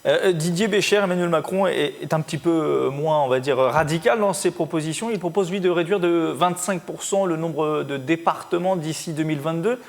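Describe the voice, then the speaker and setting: A man's voice: fairly high pitch, moderate pace, few pauses. A man moderating a local TV political debate, pressing the guests with pointed follow-up questions. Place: local TV studio.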